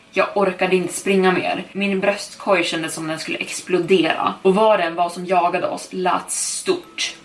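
Low-voiced woman telling a horror story. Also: slight background noise. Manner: suspenseful, measured. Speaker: podcast storyteller. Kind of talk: first-person horror storytelling. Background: faint music.

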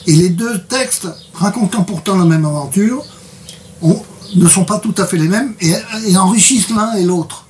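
A man's voice: high voice, normal speed, darkish tone, far from the mic, a little hiss or hum. A man translating and presenting a book in an interview, talking hesitantly and often repeating his words. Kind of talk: casual interview chat with read excerpt.

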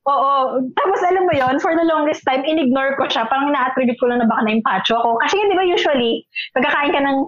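A young woman from the Philippines, a podcast co-host telling an animated story in casual chat. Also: high voice, quick pace, dry recording, lo-fi sound. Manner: animated storytelling, switches between Filipino and English.

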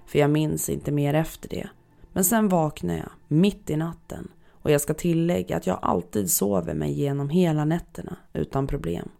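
A narrator reading listener-submitted horror stories aloud in a measured, even storytelling manner. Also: mid-range voice, vocal fry. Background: faint background music.

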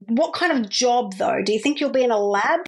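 A woman's voice: on the high side, expressive, fairly quick. A woman hosting a podcast, asking curious, friendly questions in casual chat. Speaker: podcast host.

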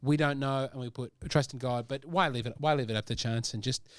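A man co-hosting a podcast, talking in a quick, joking, conversational way. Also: medium pitch, no room sound, studio quality. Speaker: podcast co-host. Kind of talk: casual discussion.

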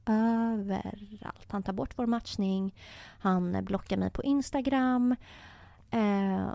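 A woman's voice: mid-range voice, fairly even intonation, vocal fry, mellow, no room sound. A young woman hosting a podcast, telling a story in casual chat and quoting people in put-on voices. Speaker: podcast host.

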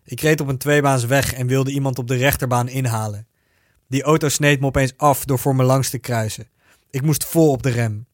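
A man reading a first-person story aloud in a steady, even narrating voice. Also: mid-range voice, moderate pace, no room sound, studio quality.

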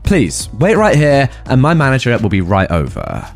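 A man voicing a polite young female store clerk who stays calm and firm. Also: medium pitch, normal speed, gravelly, soft background music.

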